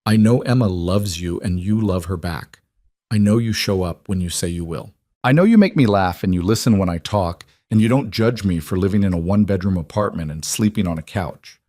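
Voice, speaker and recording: Storybook role: a man playing a weary, kind single dad, low voice, dry recording. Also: lively intonation, a little fast, warm tone, no echo. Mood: reassuring. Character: tired, kind working single father.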